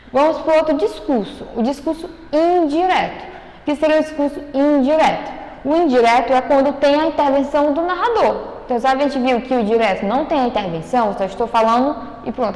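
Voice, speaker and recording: A woman teaching a writing lesson to schoolchildren, patiently checking that they follow with frequent "ok?" and "né?". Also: on the high side. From Brazil. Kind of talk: recorded online class. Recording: echoey room, long reverb.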